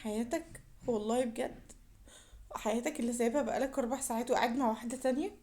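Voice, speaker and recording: A woman voicing a suspicious young wife in an Egyptian accent, muttering in a hushed, sulky way. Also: on the high side, little pitch movement, racing, slightly rough. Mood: hurt sulky.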